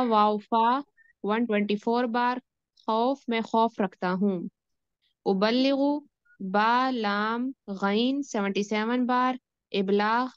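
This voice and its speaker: A woman's voice: on the high side, no echo. A young woman student reading aloud carefully and answering respectfully. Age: young adult. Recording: dull lo-fi.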